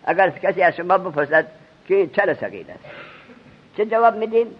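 Male teacher, somewhat high, husky voice, quizzing his class, dull lo-fi recording. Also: sing-song. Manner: quizzes students with rapid questions. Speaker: religious teacher. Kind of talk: seminary grammar lesson.

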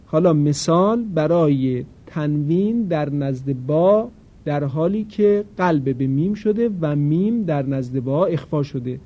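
A fairly high-voiced man teaching Quran recitation. He explains each rule plainly and then stretches his examples into slow, drawn-out chanted recitation. The recording is dull and lo-fi. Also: lively intonation. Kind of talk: recorded tajweed lesson.

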